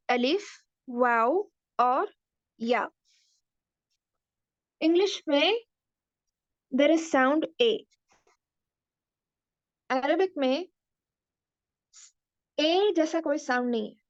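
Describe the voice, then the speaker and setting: A woman explains recitation rules at an unhurried, deliberate pace, stopping to sound out each letter. Her voice sits high and light. The recording is dry and a little muffled. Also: animated, no echo. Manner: patient, deliberate, demonstrating letter sounds aloud. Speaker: Quran recitation teacher. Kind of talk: slow explanatory lesson mixing Hindi-Urdu and English.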